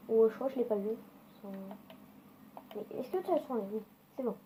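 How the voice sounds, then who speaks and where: A woman chats her way through a gameplay session, swearing freely and talking straight to her viewers. Her voice sits a little high with a soft, mellow tone. A faint noise runs under the recording. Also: lively intonation, fairly quick, low-quality recording. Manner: chatty and foul-mouthed, talking to viewers. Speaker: gaming video creator. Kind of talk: casual gameplay commentary.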